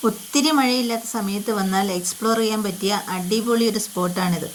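A woman talks casually for a travel vlog. Her voice sits at a medium pitch, and she drops English words into her Malayalam. A watery hiss of background noise runs behind her. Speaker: travel vlogger. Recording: noisy outdoors, loud rushing water hiss.

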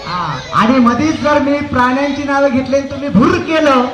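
Jokey male event host with a very high voice, coaxing children through games over an echoey PA with a crowd behind. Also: brisk. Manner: joking, coaxing and bossing children. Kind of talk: live comedy game hosting. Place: outdoor community celebration stage.

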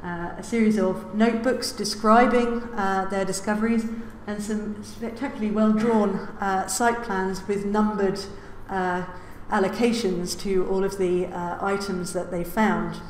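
A woman's voice: mid-range voice, steady tone, measured pace, hardly any pauses. Woman lecturing in an echoey hall. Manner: many filler sounds, wry asides. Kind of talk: public lecture. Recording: roomy lecture hall reverb, faint hiss.

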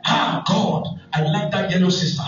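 A Nigerian-accented pastor preaches a sermon in a high voice, weaving humorous stories into it, with a steady tone at normal speed. He is heard from a distance in a strongly echoing church hall, the sound dull and muffled over soft underlying music.

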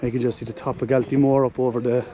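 A man in his thirties with an Irish accent, walking a mountain trail and explaining the route in a relaxed way, pausing on fillers as he films himself at arm's length. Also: mid-range voice, muffled recording, slight background noise. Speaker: hiking vlogger. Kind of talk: casual walking commentary. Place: open mountainside outdoors. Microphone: camera held at arm's length.

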